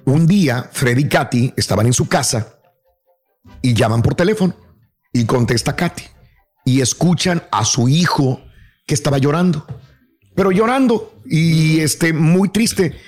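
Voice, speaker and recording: A man hosting a radio talk show, telling a story with emphatic, animated delivery. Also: fairly high pitch, unhurried, soft background music. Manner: animated, emphatic, acts out quoted voices. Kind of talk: casual radio chat, storytelling.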